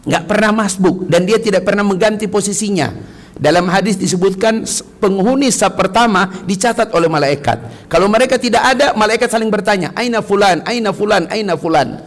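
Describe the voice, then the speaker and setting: Male preacher, mosque sermon, fairly high voice, swings from shouts to murmurs. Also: fairly quick. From Indonesia. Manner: animated, bursts into shouted high-pitched quotes, drops to soft murmurs. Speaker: ustaz preaching to a congregation. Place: mosque hall.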